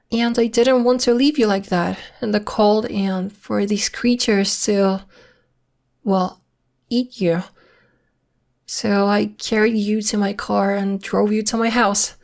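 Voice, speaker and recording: Voicing a polite, protective and secretive young werewolf for ASMR roleplay, a medium-pitched woman speaks in a measured, hesitant and matter-of-fact manner. Her mood is calm and questioning.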